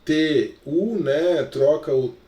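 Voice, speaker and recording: A man's voice: fairly high pitch, drawn-out words, warm tone. A male teacher with a Brazilian Portuguese accent, giving a recorded lesson in an explanatory way, full of little check-in fillers. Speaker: Greek teacher. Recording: echoey room, voice from far off.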